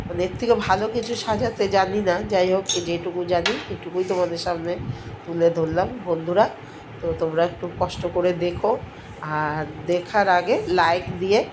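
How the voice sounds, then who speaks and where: Mature female home cooking vlogger, slightly low voice, blocked stuffy nose, casual step-by-step narration over clear kitchen clatter. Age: middle-aged or older. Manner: chatty, homely step-by-step explaining. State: congested with a cold, blocked stuffy nose and throat, speaking with effort. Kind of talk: casual recipe narration to viewers. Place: at home while preparing drinks. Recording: noisy kitchen with clinking dishes.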